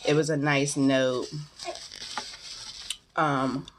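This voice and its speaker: A woman tells personal stories while eating, talking with her mouth full in an informal, slangy way and acting out quoted dialogue for her storytime mukbang. Her voice is very deep with little pitch movement and drawn-out words, and there's background noise.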